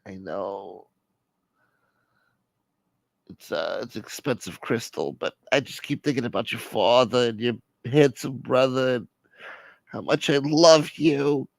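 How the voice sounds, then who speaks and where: Man putting on a gloomy old mob mother, low mumble, slow, drawn-out, dry sound. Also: creaky, no echo. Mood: mournful. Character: older gangster mother, mournful and vengeful.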